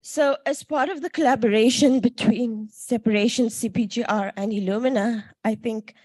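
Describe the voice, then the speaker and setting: A woman giving a conference presentation, slightly out of breath, pausing often with ums and uhs. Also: on the high side, fairly even intonation, dark tone, dry recording, poor audio. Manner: hesitant, frequent ums and uhs.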